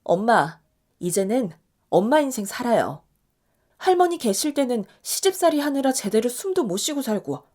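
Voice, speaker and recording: An impassioned adult daughter, played by a woman in a radio story drama. She speaks up loudly and with heat, pitched a bit above the narrator's own voice. She protests on her mother's behalf. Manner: loud, impassioned pleading.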